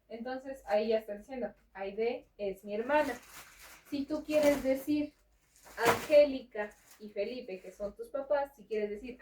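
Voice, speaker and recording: A woman's voice: on the high side, darkish tone. A woman giving a patient, step-by-step home lesson in French, often checking in with the learner. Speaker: informal French tutor. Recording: roomy sound, far from the mic.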